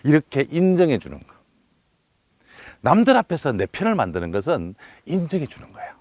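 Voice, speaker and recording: A man giving a humorous lecture, telling anecdotes in a lively storytelling manner and acting out the quotes. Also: a little high, a little fast, no room sound.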